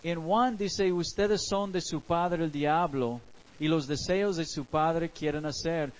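A male pastor delivers a sermon with a noticeably high-pitched voice. He moves slowly and unhurriedly, breaking scripture down in a casual, conversational manner with everyday examples from the street. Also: rough recording.

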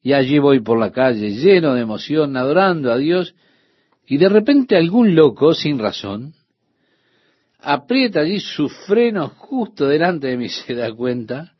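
Male radio preacher, husky tone, dull dry studio sound, earnest storyteller. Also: fairly high pitch, unhurried, no room sound. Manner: earnest, expressive storytelling with scripture readings. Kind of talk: radio sermon.

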